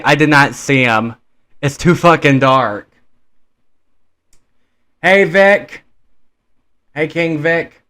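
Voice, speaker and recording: A man's voice: a little high, fairly bright tone. A man in his twenties hosting a reaction video, chatting casually and rambling with many fillers. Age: 20s. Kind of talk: casual chat.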